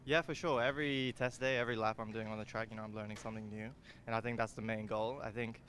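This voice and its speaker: A man's voice: fairly low pitch, fairly even intonation, quick pace, fairly bright tone, slight background noise. A young man from Singapore, a racing driver, answering interview questions in an easygoing way full of fillers. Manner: easygoing, filler-heavy with many you-knows. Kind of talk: casual interview.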